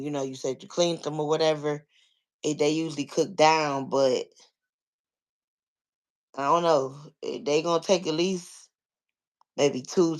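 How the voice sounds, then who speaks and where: An American vlogger chatting casually with listeners, explaining things step by step and often leaning on filler phrases like "you know.". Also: mid-range voice. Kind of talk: casual chat, answering listeners.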